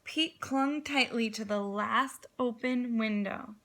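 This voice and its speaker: Her voice is a bit high, slow, bright and pushed as she, a kindergarten teacher, performs a story for small children. Simple questions and dramatic lines keep the little ones following along.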